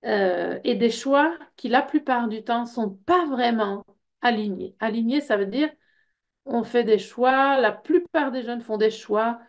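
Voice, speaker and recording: Speaking a little high and a little slow, this woman leads an informal info session for a personal development workshop. She's middle-aged, from Belgium with a Belgian French accent, and peppers her conversational talk with fillers and "hein".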